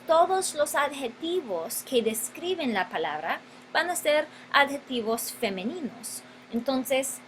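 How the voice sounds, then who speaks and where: A woman's voice: fairly high pitch, bright, forceful tone, slight background noise, low-quality recording. A woman teaching a grammar lesson, stretching out key words and repeating them for her students. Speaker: Spanish teacher.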